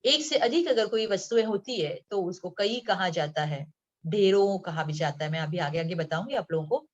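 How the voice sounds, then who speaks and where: A woman with a Mumbai Hindi accent teaches young children in an online class, reading each word slowly and repeating it. She checks in with the children often. Her voice sits a little low, and the recording sounds dull and lo-fi. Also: animated.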